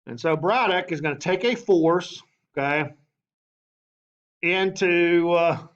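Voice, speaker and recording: A man teaching a history class in a lively way, often asking the class and saying okay. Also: high-pitched, slow pace, dull audio.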